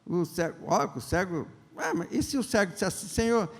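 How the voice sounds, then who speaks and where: High, lively preaching bishop in echoing hall. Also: male voice. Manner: conversational, joking, asks the congregation questions; acts out the characters' lines in quick voices. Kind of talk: sermon. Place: large church hall. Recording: long church-hall reverb.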